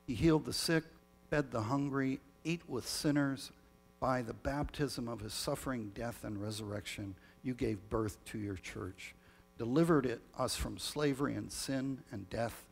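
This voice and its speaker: Husky male pastor in cathedral echo. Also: medium pitch. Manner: measured, solemn liturgical reading with small restarts. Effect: long cathedral-like echo. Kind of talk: leading a communion liturgy. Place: church sanctuary. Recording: long reverb of a large church.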